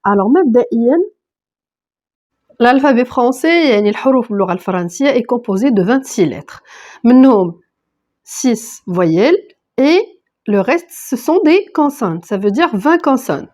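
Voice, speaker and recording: Patient woman teacher, slightly high. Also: expressive, brisk, a little mellow. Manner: patient, step-by-step explaining, reading words out one by one. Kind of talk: online grammar lesson.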